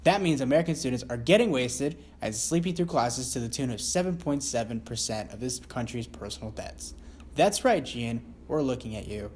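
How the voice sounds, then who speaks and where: A man's voice: mid-range voice, expressive, moderate pace, a little mellow, slight background noise. A man anchoring a satirical newscast, reading scripted copy in a mock-serious newscaster manner with crude asides.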